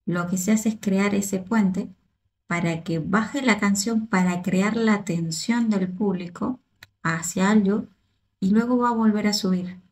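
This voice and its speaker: A woman with a gravelly, creaky voice talks through a performance as a choreographer reacting casually. She gets excited, repeats words and keeps restarting her sentences. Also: medium pitch, a little slow. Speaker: choreographer and dance teacher reacting to videos.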